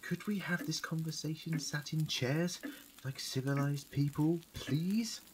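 An actor in an audio drama playing a clever, compassionate time-traveling Doctor who pleads urgently. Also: male voice, on the high side, measured pace, slight background noise, close to an everyday voice, poor audio. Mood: measured, wary. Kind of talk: fan audio drama acting.

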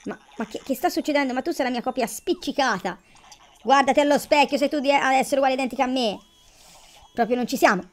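A woman's voice: high-pitched, fast talker, voice pushed up, close to an everyday voice. A woman reading aloud the lines of a boastful male gorilla villager from a cartoon life game. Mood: mocking.

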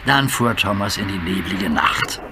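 A man narrating a children's cartoon story in a lively storytelling manner. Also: low-pitched, measured pace. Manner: animated, storytelling. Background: music.

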